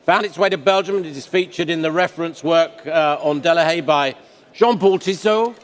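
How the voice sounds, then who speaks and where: A man with a slightly high voice presents auction lots in measured, descriptive phrases. The sound carries the long reverb of a large indoor hall. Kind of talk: semi-scripted lot presentation commentary.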